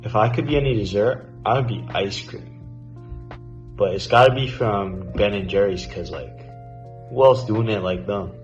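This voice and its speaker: A nineteen-year-old man introduces himself with jokes and easy slang. His voice sits a little low, and the recording sounds dull and lo-fi. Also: moderate pace, faint music behind. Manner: joking, slangy. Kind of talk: casual self-introduction.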